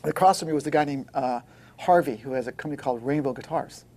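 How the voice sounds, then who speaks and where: A man's voice: medium pitch, fast. A man, a record producer, telling an anecdote in conversation and acting out what others said. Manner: lively anecdotal, acts out quoted dialogue. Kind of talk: animated storytelling in conversation.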